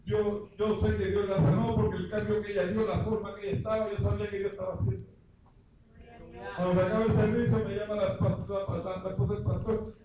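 A man with a very high, ringing voice preaches a fervent revival sermon, building to shouts. He is picked up from a distance in a large church hall, so the sound is heavily echoey, and there is noise underneath. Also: flat delivery, fairly quick. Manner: impassioned, rising to shouts.

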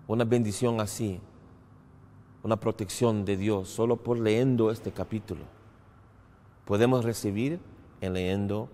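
Standing to camera with a lapel mic, a low-voiced man speaks slowly through a brief religious talk in a big, empty indoor hall with a banner. His delivery is halting, in short phrases with pauses, and his tone is darkish. The recording has long hall reverb and a little hiss or hum.

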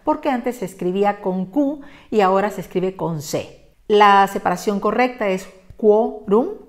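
Methodical woman teacher. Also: medium pitch. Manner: methodical, spells out each step deliberately. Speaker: Spanish spelling teacher. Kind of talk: instructional lesson narration.

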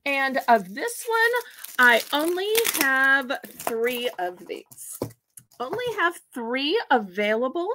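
A woman's voice: sits high, sing-song, slow, noisy background. A woman hosting a live online auction from home, chatty and folksy as she counts out items for bidders.

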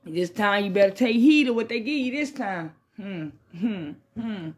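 In her small bedroom, this vlogger leads a smoke session, her husky, medium-pitched voice lively in intonation and moderate in pace. She rambles to camera in a relaxed stoner manner with slang and swearing, returning to the same phrases, recorded on a phone roughly arm's length away or further.

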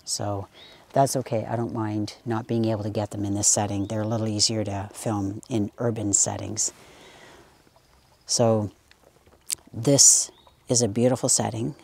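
A man talking easygoing and reflective during an outdoor hike on a country trail, pausing now and then. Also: on the low side, little pitch movement, gravelly, darkish tone. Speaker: nature vlogger. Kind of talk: casual outdoor commentary.

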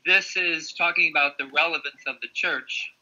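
Man, book club member, thinking aloud, bright tone, video call. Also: a little high, fairly even intonation, moderate pace, a little hiss or hum, low-quality recording. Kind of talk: casual group discussion.

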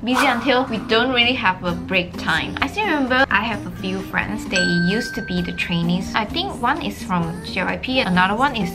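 A woman's voice: mid-range voice, expressive, moderate pace, hardly any pauses. A young woman chatting casually to camera in a vlog, laughing often, in slightly broken English. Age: young adult. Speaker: vlogger. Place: bedroom. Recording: loud background music.

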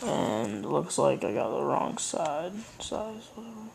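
A teenage boy hosting a casual fishing unboxing vlog at home, talking in a halting way with lots of fillers as he handles each item, filmed on a handheld camera. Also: a little high, sing-song, vocal fry, background noise. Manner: halting, unhurried, many fillers while handling items. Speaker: fishing channel host. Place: indoors at home, wooden floor with red rug. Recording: loud crinkling of plastic packaging. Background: bag crumpling and clicks.

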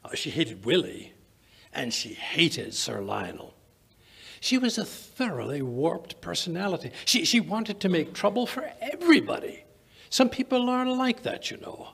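Casting: actor as elderly genial doctor for old-time radio play, highish husky voice, halting storyteller. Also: male voice, big pitch swings, fairly bright tone, heavily acted. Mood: genial, explaining. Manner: halting, stammering delivery. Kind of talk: 1940s radio acting. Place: small indoor museum studio stage. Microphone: vintage-style stand microphone.

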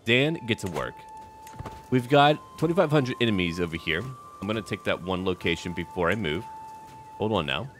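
A gaming video host with a deep voice roleplays as he narrates his strategy game, musing aloud in short, clipped remarks. His pitch moves expressively, with lively intonation, a moderate pace and a slightly bright tone. Faint music plays behind him.

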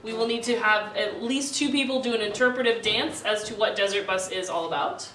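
A woman's voice: mid-range voice, brisk, fairly bright tone, recorded from a distance, a little hiss or hum. A woman casually coordinating a group, laughing often and talking with many fillers. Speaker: challenge organizer. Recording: roomy echo, voice from off mic.

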